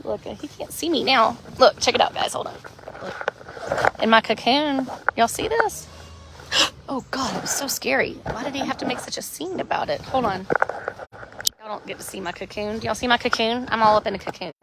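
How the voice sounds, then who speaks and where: A woman's voice: fairly high pitch, expressive, moderate pace, noisy background. A woman, chatting on a live stream from a hammock in her front yard on a handheld phone. She rambles, giggles and pokes fun at herself. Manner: giggly, rambling, self-mocking. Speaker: livestream host. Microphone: phone held in hand.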